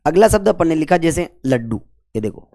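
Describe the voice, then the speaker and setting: A man's voice: a little high, sing-song, fairly quick, a little mellow. Male tutor, whiteboard lesson, repeats each question and answer. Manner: repetitive call-and-response questioning, colloquial 'apan'. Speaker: Hindi grammar teacher.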